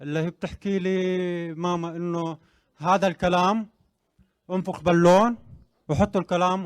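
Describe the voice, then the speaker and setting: A man's voice: high voice, no room sound, studio quality. Earnest young man, motivational testimony. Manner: earnest, rising to emphatic declarations. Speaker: interviewee sharing his story. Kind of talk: personal testimony and motivational speech.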